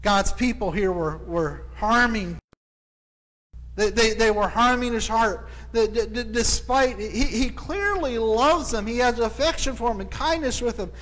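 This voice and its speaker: A man preaching a sermon as pastor, halting and restarting often, repeating his words, into a clip-on mic. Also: extremely high pitch, fairly bright tone, long reverb tail, poor audio. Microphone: clip-on microphone.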